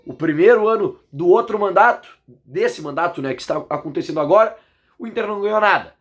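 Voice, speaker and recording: A man with a Brazilian accent and a fairly high, hoarse voice breaks down a football match in a casual vlog. He speaks in an emphatic, indignant way, pressing his points hard. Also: expressive, quick pace. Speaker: football commentator.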